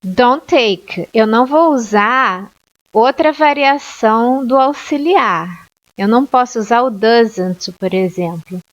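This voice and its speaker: A Brazilian woman teaching an English lesson, explaining grammar slowly and clearly and often checking with "ok?". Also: a little high. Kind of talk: online language lesson. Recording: dull lo-fi sound.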